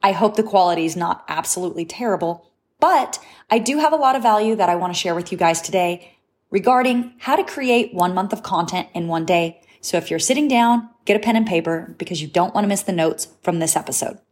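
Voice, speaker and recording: A woman's voice: fairly low pitch, expressive, brisk, a little mellow. A woman hosting a business-advice podcast, talking in an encouraging, emphatic coaching tone while recording on her phone. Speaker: podcast host and agency founder.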